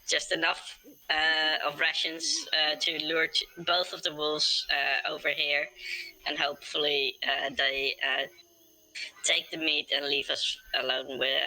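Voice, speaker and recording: A tabletop game player talking through a voice changer, in halting, hesitant casual chat. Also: mid-range voice, sharp tone, low-quality recording.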